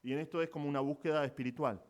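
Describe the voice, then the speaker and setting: A male pastor with a Rioplatense Argentine accent delivers a sermon, walking his congregation through scripture. His voice sits a little high for a man. He shifts between calm explanation and emphatic, urgent exclamations. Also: rapid-fire. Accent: Rioplatense Spanish. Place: church.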